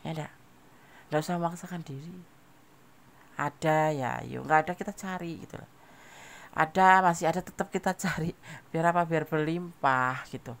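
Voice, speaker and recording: A man's voice: on the high side, normal speed, vocal fry, long pauses, a bit bright. A man giving a casual tarot general reading, talking straight to the listener and repeating phrases. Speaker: tarot reader.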